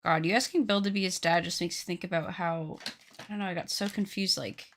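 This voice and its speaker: Crafting on a live stream, this late-twenties woman keeps up a chatty, joking banter with her viewers and teases herself along the way. She talks briskly in a lowish voice with fairly level intonation, and there's slight background noise.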